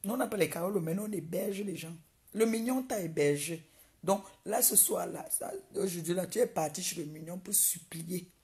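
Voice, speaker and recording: A woman's voice: on the low side, moderate pace, mellow. A woman on a live video, taunting someone she dislikes and repeating insults over and over. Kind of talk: mocking live-video rant.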